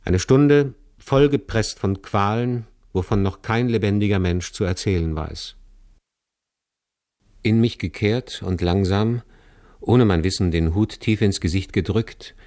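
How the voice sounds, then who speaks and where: A man with a low voice reads a literary tale aloud in the first person, measured and serious. The sound is dry and close, with no room echo. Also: darkish tone. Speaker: audiobook narrator. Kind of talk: scripted literary narration.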